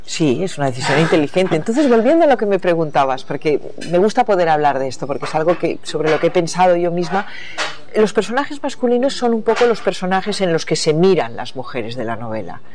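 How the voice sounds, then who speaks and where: A woman's voice: lowish voice, very animated, fairly quick, noisy background. A woman from the United States, a novelist in an interview, talking about her reading and writing in a thoughtful, searching way that often trails off and restarts. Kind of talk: reflective interview talk.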